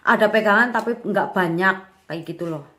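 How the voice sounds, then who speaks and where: A young woman in her twenties talks straight to the camera as a vlogger. She tells her own story in a candid, relaxed way, with plenty of casual fillers. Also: mid-range voice, normal speed. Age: 20s. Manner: chatty, candid, lots of fillers.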